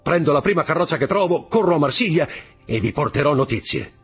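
A man's voice: on the high side, animated, fast, creaky, husky, faint music behind, pitched above the performer's own voice, heavily acted. A man voicing a grave, worried male shipowner with a raised, earnest delivery in a storybook reading. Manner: earnest, urgent.

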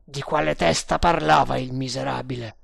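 Man reading a grim, gravelly army captain. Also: medium pitch, steady tone, moderate pace, no echo. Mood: brooding. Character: grim brooding male army captain, commanding.

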